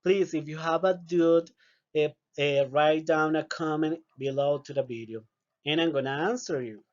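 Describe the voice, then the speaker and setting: Man, teacher, slow, repeats words, slightly high voice. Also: steady tone, highs cut off. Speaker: English teacher. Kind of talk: recorded video lesson.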